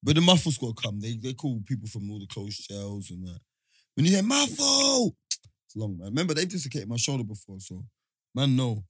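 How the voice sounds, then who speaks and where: A man's voice: fairly low pitch, animated, fairly quick, husky, dry recording, studio quality. A young man with a London roadman accent, bantering and teasing in street slang and repeating his phrases. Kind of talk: casual banter.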